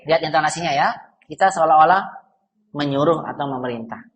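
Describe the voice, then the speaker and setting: A man's voice: a little high, fast, fairly bright tone. A man teaching an Arabic grammar class, patiently drilling students with questions and having them answer back. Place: mosque hall. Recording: roomy hall with long reverb.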